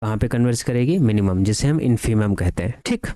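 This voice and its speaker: Mixing Hindi and English, this male math lecturer reads out theorems slowly, one word at a time, and answers the questions he poses to his students. His voice is mid-range and mellow with lively intonation, and there's no room sound.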